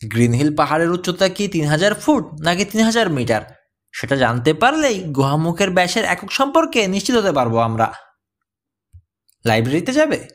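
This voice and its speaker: A man's voice: sits high, big pitch swings, moderate pace, a bit bright. A man narrating an adventure story, reading every character's lines in his own voice. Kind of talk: scripted audiobook narration.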